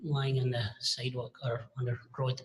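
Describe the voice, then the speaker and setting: A man testifying as a paramedic witness, answering in a halting, hesitant, plain-spoken way, heard in a courtroom recording. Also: mid-range voice, level tone, echoey room, a little hiss or hum.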